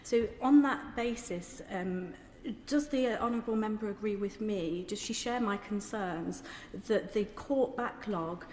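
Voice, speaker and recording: A woman member of parliament making a formal, polite and somewhat halting intervention in a debate in a large chamber. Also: medium pitch, a little mellow. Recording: echoey hall, reverb, noisy ambience.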